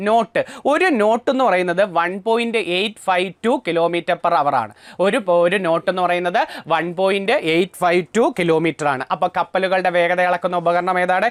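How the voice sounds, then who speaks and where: A man's voice: high-pitched, clean tone, dry recording, studio quality. A man with a Malayali accent teaching an exam prep lesson, asking questions and repeating the answers to drill them in.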